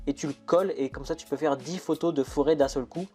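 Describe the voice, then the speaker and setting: Chatty young man over soft music. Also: a little high, quick pace. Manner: chatty, addresses viewer informally. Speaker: online money-making tutorial host. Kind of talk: screen-recorded tutorial voice-over. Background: faint background music.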